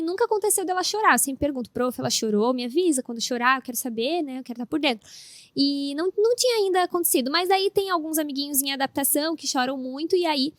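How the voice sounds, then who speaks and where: Woman, high voice, lively storytelling, casual podcast chat, dry recording. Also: no room sound. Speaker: podcast co-host; mother of a baby.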